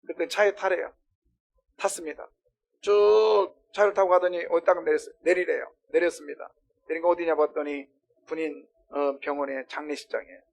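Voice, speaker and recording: Middle-aged man, high-pitched pastor; preaching with sudden loud cries and quiet asides, quizzes the congregation. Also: steady tone, moderate pace. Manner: impassioned, swings from loud cries to hushed low talk; asks the congregation questions and has them repeat. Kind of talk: sermon.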